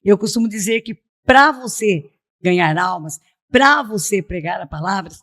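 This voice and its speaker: As a guest in a conversational podcast interview, a middle-aged missionary from Piracicaba, Brazil, in São Paulo state, shares her testimony, often checking in with "né?". Her medium-pitched voice is a bit bright, with lively intonation at normal speed.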